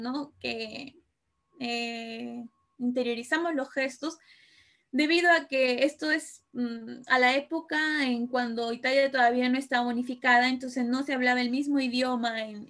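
High-voiced woman giving a casual talk. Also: a bit bright. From Peru. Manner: explains patiently with many fillers and "¿no?" tags. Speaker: lecturer on Italian customs. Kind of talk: informal talk to an audience.

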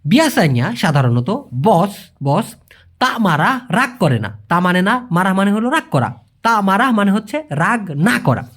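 A man giving a casual language lesson that answers viewers' questions. His pitch swings up and down a lot as he explains. He repeats each key word and keeps checking that the listener follows. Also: big pitch swings, unhurried, a bit bright. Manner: chatty, repeats key words, asks the viewer to check understanding. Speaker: language teacher.

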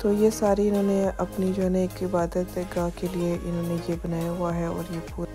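A woman's voice: lowish voice, completely flat delivery, normal speed, music in the background. A woman vlogging a walking tour outdoors through city streets at dusk, chatting casually and pointing out sights as she goes. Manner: chatty, repeats "ye dekhiye" while pointing things out. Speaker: travel vlogger.

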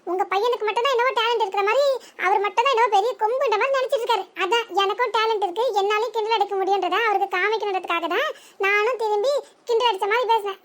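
A woman's voice: very high-pitched, fairly bright tone, pitched above the performer's own voice. A woman voicing an indignant young village wife in a cartoon, with a southern Tamil Nadu accent. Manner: indignant, fast retorts.

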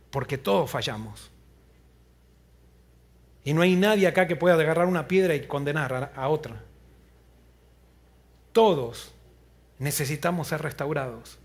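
In a church, a pastor preaches a sermon, earnestly retelling a story and often dropping to a low, quiet voice.

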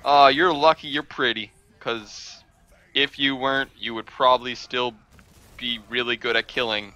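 A man doing excitable gameplay commentary, swearing freely and breaking into squealing laughs. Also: medium pitch. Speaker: gaming video creator.

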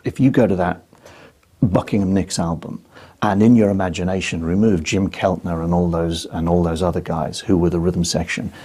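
A man's voice: deep voice, darkish tone, breathy edge. A man commenting on music in an interview, articulate after some stumbles.

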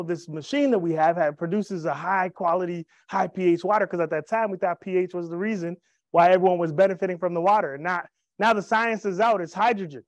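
The recording carries no room sound as a high-voiced man in his thirties presents onstage in an event room. With a handheld microphone, he gives an upbeat, joking sales talk to the live audience and tells personal stories.

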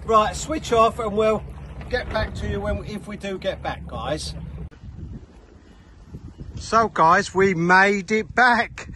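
A middle-aged man with a fairly high voice hosts a casual vlog from a small dinghy, chatty and quick to make fun of himself. He films on a phone held at arm's length, out on the open sea. Loud wind and lapping water run under every line. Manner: chatty, jokey, self-mocking. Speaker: vlog host. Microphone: phone camera at arm's length.

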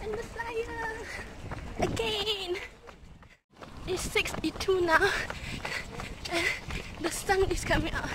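Young female running vlogger, very high voice, breathless and excitable, loud outdoor noise on a handheld phone. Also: slow, long pauses. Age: young adult. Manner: short breathless phrases, excitable. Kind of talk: casual running vlog chat. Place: outdoors on a night race route. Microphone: phone at arm's length. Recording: noisy outdoor phone recording on the move. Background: clear outdoor ambient noise.

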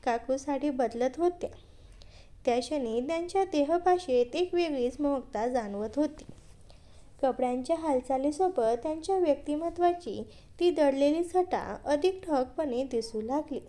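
A woman narrating a scripted story in a steady, even read-aloud delivery. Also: sits high, moderate pace.

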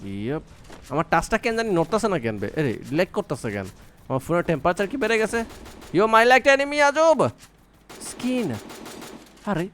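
A man's voice: fairly high pitch, sing-song, fairly quick, slight background noise. A young man giving casual, playful commentary while playing a mobile shooter, teasing his opponents and coaching his teammates. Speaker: mobile game streamer.

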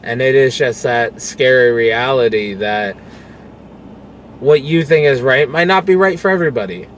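In a medium-pitched voice at a moderate pace, a young male vlogger and pro wrestler rambles frankly to camera while driving, swearing freely. A dashboard phone picks him up along with the car's road and engine hum.

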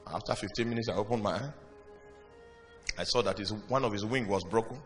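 A man preaching a sermon with dramatic pauses and sudden loud bursts. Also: on the low side. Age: young adult or older. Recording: reverberant hall with music behind.

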